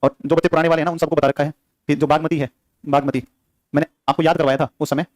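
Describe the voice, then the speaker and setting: A man's voice: a little high, little pitch movement, dry recording. A young man teaching an exam-prep geography class with a sore throat, drilling facts through repeated quiz questions. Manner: rapid, repetitive drilling with quiz questions to students.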